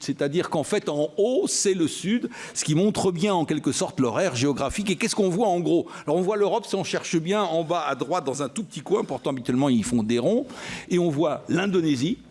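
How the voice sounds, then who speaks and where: A man's voice: a little high, a little mellow. A man welcoming a lecture audience, chatty, with rising emphasis. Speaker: conference moderator. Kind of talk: formal welcome speech.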